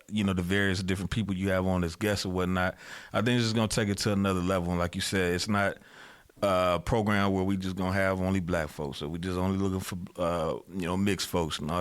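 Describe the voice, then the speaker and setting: Male co-creator guest, very low voice, rambling earnest casual talk. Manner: rambling, earnest, many "you know"s. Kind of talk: casual podcast chat.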